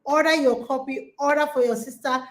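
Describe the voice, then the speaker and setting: Her voice sits high with fairly even intonation and a fairly quick delivery. She's a conference host in her forties who coaches women, giving an online motivational talk that is emphatic, exhorting, and full of repeated rallying lines.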